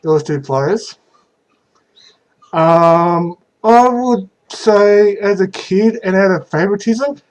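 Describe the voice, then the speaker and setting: A young man speaks in a slightly high voice at a slow pace. He talks casually and without a script, like a vlogger taking viewer questions. His delivery is halting and hesitant, with frequent pauses in the middle of sentences. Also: low-quality recording. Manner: halting, hesitant, pausing often mid-sentence. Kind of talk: casual unscripted question-and-answer talk.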